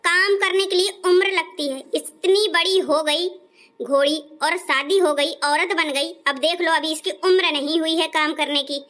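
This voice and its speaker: A woman playing a loud, scolding older mother-in-law in a comic family skit. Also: very high-pitched, fairly even intonation, normal speed, soft background music. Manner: scolding, shouting, insulting.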